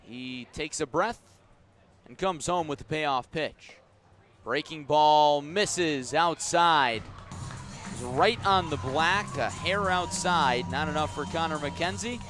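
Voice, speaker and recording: With soft music in the background, a fairly bright-toned man works as a radio announcer for live baseball, offering measured, detailed play-by-play that rises as each pitch comes.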